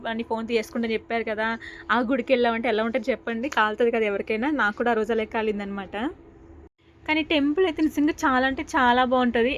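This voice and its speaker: A woman's voice: a little high, slight background noise. A young woman narrating her family day out in a casual, rambling vlog voice-over. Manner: chatty, rambling storytelling. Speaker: vlogger.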